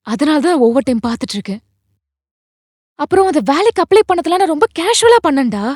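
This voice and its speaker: A woman's voice: high voice, lively intonation, a little fast, a little mellow, dry recording, clean studio sound. An actress playing a young wife who argues and pleads with her husband, her voice tense with emotion. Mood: pleading. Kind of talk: short film acting.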